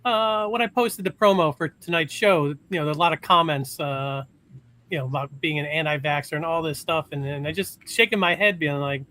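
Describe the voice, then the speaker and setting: Interview host, man, bright edge, slightly raised pitch, halting. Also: slight background noise. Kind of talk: casual interview talk.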